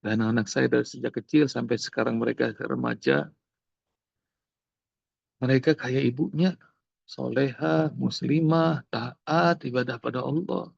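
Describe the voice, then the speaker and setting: Gravelly-voiced man telling a sermon story. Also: medium pitch, a little slow, pauses often, no room sound, lo-fi sound. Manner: animated storytelling, acting out dialogue. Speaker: preacher.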